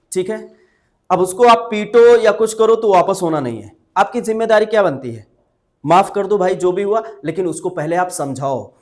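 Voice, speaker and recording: A man teaching English phrases, explaining in Hindi, asking the listeners questions and repeating each English phrase slowly. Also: sits high. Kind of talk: spoken English lesson.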